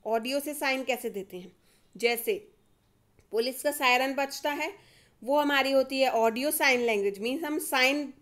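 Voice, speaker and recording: High-voiced Indian woman teaching. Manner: lively, asks and answers her own questions. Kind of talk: casual video lesson.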